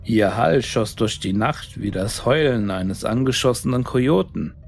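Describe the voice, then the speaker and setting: Casting: male horror narrator, creaky voice, unhurried suspenseful delivery, faint music underneath. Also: mid-range voice, expressive. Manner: deliberate, suspenseful, dramatic delivery. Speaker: storyteller, narrator. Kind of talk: scripted first-person horror story narration.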